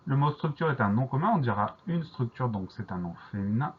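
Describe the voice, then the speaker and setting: A man teaching a dictation lesson, who explains each word slowly and carefully and spells it out letter by letter. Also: mid-range voice, lively intonation, phone-quality sound, a little hiss or hum.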